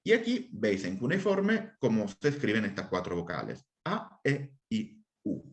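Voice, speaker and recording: A man's voice: on the low side, wildly swooping pitch, a little slow. A man who is an assyriologist, explaining a lesson during an interview and checking in with his listeners often. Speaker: assyriologist lecturer.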